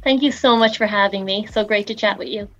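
Woman, late twenties, west of Ireland accent, conversational interview guest, mid pitch, slightly dull audio. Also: brisk, a bit bright. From Galway, west of Ireland. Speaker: interview guest, former model. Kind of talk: conversational interview, personal storytelling.

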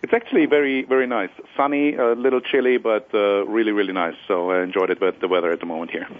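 A man's voice: on the low side, fairly even intonation. A man calling in as a panel guest on a radio show, talking with lots of fillers and restarts. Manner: fast, with many fillers and restarts. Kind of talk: call-in interview. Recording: dull lo-fi line.

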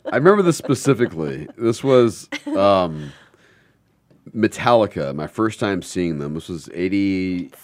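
A man's voice: sits low, very animated, unhurried, no echo. A middle-aged man hosting a casual chat, telling stories in a rambling way and laughing often. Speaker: host.

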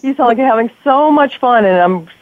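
A woman's voice: fairly high pitch, lively intonation, a little fast, no echo. A woman from Massachusetts calling in over a clipped phone line, talking in an effusive, rambling way. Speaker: caller. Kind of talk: call-in chat. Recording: tinny dry phone line.

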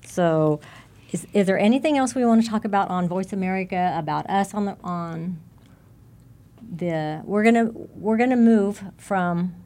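A woman's voice: medium pitch, normal speed, dark tone. A woman co-hosting an internet radio talk show, chatty and giggly. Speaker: co-host.

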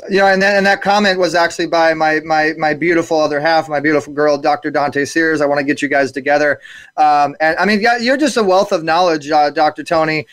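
A man hosts a live online talk show with plenty of enthusiasm and often repeats words as he goes. His voice sits high for a man, and the sound is dry and close. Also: steady tone, fairly quick, a bit bright, no echo. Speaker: show host.

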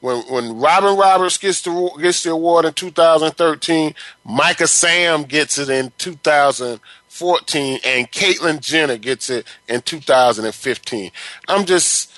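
A man co-hosting a casual sports talk chat, halting and repeating words as he builds his opinions. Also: fairly high pitch, a bit bright, no room sound, low-quality recording.

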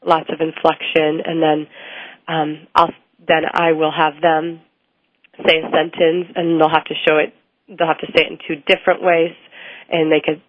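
A woman speech therapist explains her methods in a very low, level voice that hardly rises or falls. She talks through her points with plenty of ums and restarts. The sound is thin and phone-like, dry with no room echo. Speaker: speech language pathologist guest. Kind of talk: interview answers. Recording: tinny phone-like line, dry.

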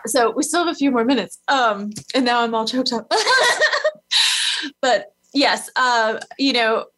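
A woman with a bright, higher voice hosts a casual interview. She talks slowly and encouragingly and is openly emotional. Her voice has a tense, sharp edge. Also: expressive. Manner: emotional, encouraging, slow-spoken. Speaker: host.

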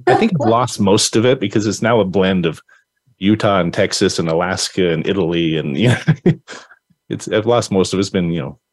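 A man's voice: deep voice, brisk, no room sound. A man hosting a casual interview podcast, praising his guest in an effusive, rambling way with many restarts. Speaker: podcast host.

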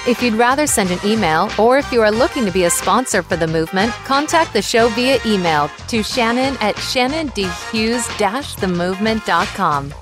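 A woman announcer reading show promos in a crisp, polished voice, with clear music playing underneath her. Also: mid-range voice, lively intonation, moderate pace, few pauses. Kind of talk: scripted announcement. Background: music bed.

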